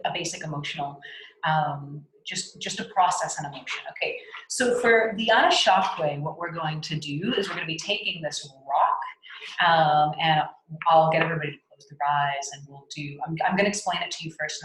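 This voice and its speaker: A woman leading a spiritual workshop over a video call, speaking gently with frequent "um" and "right?", at times voicing raw anger as an example. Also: sits low, a little fast, reverberant, low-quality recording. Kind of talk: guided teaching on a video call.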